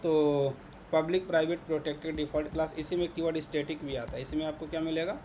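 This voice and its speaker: Indian hindi-accented guy lecturing a class, keeps going "thik hai na", fairly high voice, faint hiss behind. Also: steady tone, quick pace. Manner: repetitive, checks in with "ठीक है ना" constantly. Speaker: programming teacher. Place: classroom with students.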